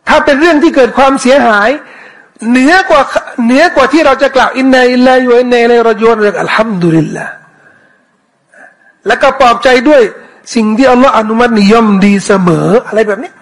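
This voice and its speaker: A man teaching a commentary lesson on scripture, answering questions in a casual way, repeating words and reciting verses slowly. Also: very high-pitched, low-quality recording. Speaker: Islamic teacher.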